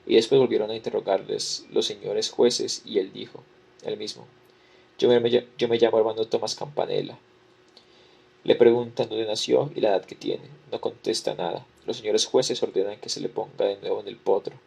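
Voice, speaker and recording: Man, lecturer, husky and breathy, steady measured reading of an old document. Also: lowish voice. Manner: measured, repeating the same formula. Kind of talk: reading a historical record aloud.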